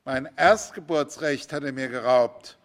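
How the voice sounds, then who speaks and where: A man voicing a wronged elder son who pleads bitterly for a blessing, reciting slowly. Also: mid-range voice, natural voice. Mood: pleading. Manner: pleading, slow biblical recitation.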